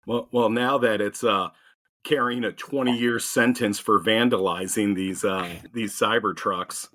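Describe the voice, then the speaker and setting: A man's voice: lowish voice, fairly even intonation, a little slow, a bit bright. A man co-hosting a casual satirical news podcast, making wry jokes with hesitant starts. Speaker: podcast co-host.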